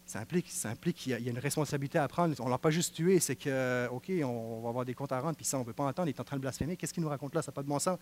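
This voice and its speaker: A man preaching a sermon with a Quebec French accent, swinging from hushed passages to fervent exclaiming. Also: medium pitch, very fast, few pauses. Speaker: pastor.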